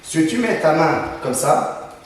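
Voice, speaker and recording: A man's voice: fairly high pitch, very animated, slow, very echoey, long reverb tail, far from the mic, a little hiss or hum, low-quality recording. A man teaching self-defense moves, calling out instructions and punctuating each strike with sound words. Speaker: Krav Maga instructor. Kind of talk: demonstrating self-defense techniques.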